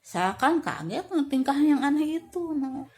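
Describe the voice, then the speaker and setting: A woman's voice: sits high, big pitch swings. Chatty woman in her fifties. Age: 50s. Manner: chatty, many fillers, drawn-out words at tense moments. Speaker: storyteller. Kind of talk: casual storytelling to camera.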